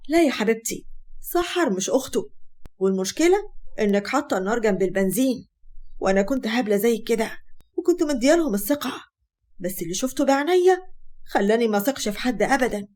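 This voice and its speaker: A woman's voice: a little high, lively intonation, fast talker, darkish tone, lightly acted. A woman with an Egyptian accent voicing a bitter, outspoken female coworker who talks bluntly and scolds. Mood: scolding.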